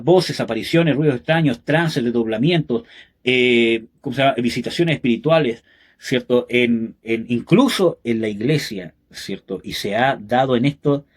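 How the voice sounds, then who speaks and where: A man teaching a Bible study, pausing often with fillers and tag questions, then building to emphatic bursts. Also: medium pitch. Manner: rises to emphatic, raised-voice bursts. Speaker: pastor.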